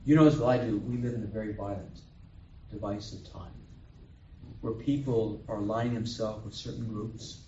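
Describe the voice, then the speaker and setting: A man's voice: fairly low pitch, fairly even intonation, normal speed, warm tone, a little hiss or hum. A man giving a homily as a priest, telling a story and acting out the quoted voices. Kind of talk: homily at Mass. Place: chapel or church. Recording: echoey room, distant mic, dull sound.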